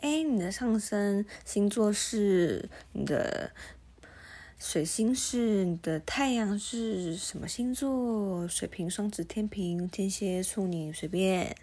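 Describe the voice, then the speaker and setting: A woman's voice: mid-range voice, slow pace. A woman podcast host telling stories casually and alone, with slightly slurred articulation from a mouthguard, playfully mocking herself, acting out conversations and dropping in English words. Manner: self-mocking, animated re-enacting of conversations. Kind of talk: casual solo storytelling chat.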